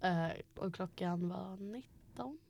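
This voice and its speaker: A woman's voice: lowish voice, creaky, a little mellow, no echo. A woman co-hosting a podcast in casual chat with laid-back, dry asides. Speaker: podcast co-host.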